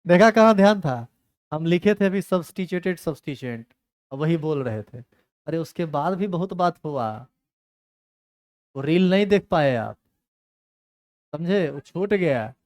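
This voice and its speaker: A man's voice: a little high, lively intonation, moderate pace, pauses often, darkish tone. A man teaching a chemistry class, teasing and scolding his students. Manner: scolding, teasing students in a rustic Hindi dialect. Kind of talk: classroom lecture.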